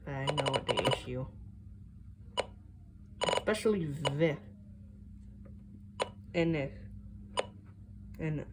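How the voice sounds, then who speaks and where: Speaking slowly in a mid-range voice with long pauses, a hobbyist heard as a woman rambles through an unscripted show-and-tell of her weather radio collection, frequently unsure. It's recorded on a handheld phone or camera, with loud background noise.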